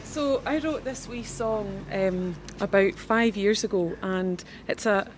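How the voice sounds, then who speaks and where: A woman's voice: medium pitch, slow, slight background noise. A woman with a northeast Scottish accent, giving an informal guided tour. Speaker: distillery owner and tour guide.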